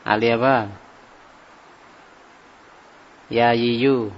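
Slow-drilling male Arabic teacher in a hall. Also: mid-range voice, fairly even intonation, slight background noise. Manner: slow, drawn-out drilling of phrases. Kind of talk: classroom grammar lesson. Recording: dull lo-fi recording with long reverb.

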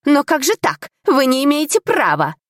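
A woman's voice: mid-range voice, animated, moderate pace, no echo, studio quality, close to an everyday voice. A woman reading an audiobook, voicing a rude, petty little bald male tutor who grumbles and sneers. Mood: sneering.

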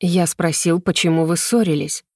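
A woman's voice: fairly low pitch, fairly even intonation, moderate pace, a little mellow, no room sound, studio quality. A woman voicing a cold, stern male demon lord who questions his wife in an audiobook. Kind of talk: audiobook character voice.

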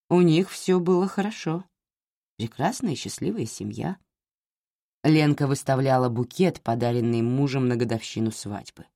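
A woman reading a novel aloud as an audiobook narrator, measured and expressive. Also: deep voice, no echo, studio quality.

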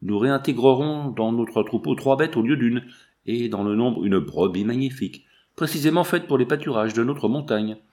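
A man's voice: medium pitch, lively intonation, moderate pace, mellow, lightly acted. A man reading an audiobook, voicing a menacing male bandit chief who sneers and threatens. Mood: sneering.

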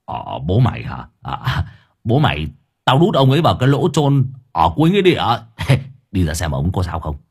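A man voicing a shrill, scheming old village man who shifts between panic and mockery. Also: wildly swooping pitch, moderate pace, a little mellow, slightly rough, full character voice. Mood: mocking, frantic.

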